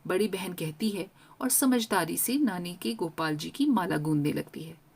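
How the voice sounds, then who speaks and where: A woman narrating a story in first person as a young girl, with an expressive reading. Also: fairly low pitch, normal speed, creaky, slightly rough.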